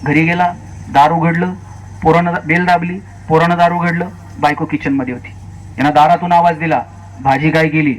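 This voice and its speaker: A man's voice: fairly even intonation, moderate pace, low-quality recording. A man gives a motivational lecture on stage, telling funny stories. He acts out the dialogue, jumping between voices. The recording carries a faint background hiss. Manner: storytelling, acts out quoted dialogue with shifting pitch. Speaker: public speaker. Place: stage at a lecture series before an audience.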